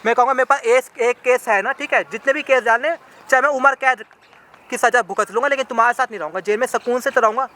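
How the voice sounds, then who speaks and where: A man's voice: extremely high pitch, fast, sharp tone. A man playing a downtrodden husband who pleads and pushes back against his wife, in a staged street skit. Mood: defiant. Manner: pleading, defiant.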